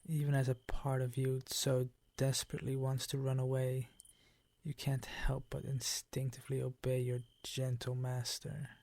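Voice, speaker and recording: Here the vampire count is voiced by a man in an ASMR roleplay: predatory and possessive, formal yet teasing and commanding, breathy and prone to sinking into a whisper. He keeps a medium pitch and monotone at a moderate pace, with a darkish tone, no echo, and a sound close to his everyday voice.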